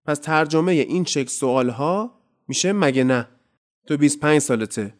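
Man teaching, slow deliberate examples. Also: a little high, expressive. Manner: says English example sentences slowly and deliberately; explains grammar in a friendly, chatty way. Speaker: English teacher. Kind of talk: casual podcast lesson.

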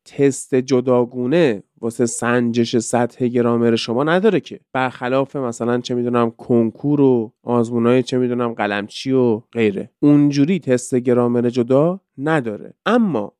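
Smooth-voiced Iranian teacher giving casual advice. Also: male voice, mid-range voice, few pauses, a little mellow, no room sound, clean studio sound. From Iran. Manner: conversational, explains with rhetorical questions. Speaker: English teacher and podcast host.

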